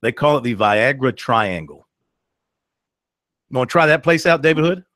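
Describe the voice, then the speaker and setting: A man's voice: mid-range voice, animated, moderate pace, a bit bright, no echo, studio quality. A man in his thirties hosting a sports talk show, emphatic and ranting, laughing easily. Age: 30s. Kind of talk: opinionated sports talk radio.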